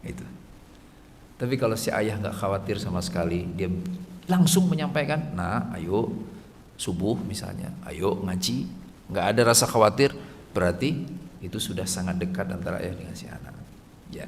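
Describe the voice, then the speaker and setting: A man preaches in a relaxed, joking way, swinging from hushed murmurs to loud exclaims as he acts out scenes. His voice rings with the long reverb of a mosque hall. Faint room noise sits underneath. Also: deep voice, moderate pace, pauses often. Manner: animated, joking, acts out dialogue. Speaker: ustadz giving Quran tafsir lesson. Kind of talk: casual sermon to fathers.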